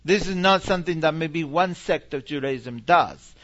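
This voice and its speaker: The recording is muffled, and this Argentine man's voice runs on the high side. As a visiting preacher, he teaches casually and takes questions in an animated, halting manner full of repeated phrases.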